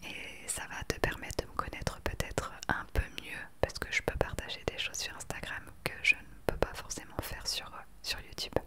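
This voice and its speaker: A woman in her late twenties talking earnestly and with conviction in a soft whispered ASMR chat into a desktop microphone. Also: moderate pace, hardly any pauses. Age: 20s. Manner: earnest, opinionated. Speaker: ASMR creator. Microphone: desktop USB microphone.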